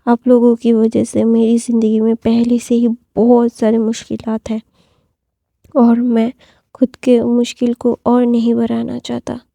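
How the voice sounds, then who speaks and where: A woman's voice: on the high side, monotone, measured pace, vocal fry, warm tone, no room sound, clean studio sound. A woman voicing a lovesick young male emperor who pleads tearfully and repeats himself in a storybook reading. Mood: angry.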